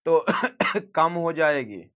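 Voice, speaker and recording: A man with a fairly high voice reads out exam questions one after another and answers each himself, in a steady teaching manner. The sound is dull and lo-fi. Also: extremely slow, clear, resonant tone. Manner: reads questions then gives answers, self-correcting. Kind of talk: exam practice lesson. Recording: dull lo-fi recording.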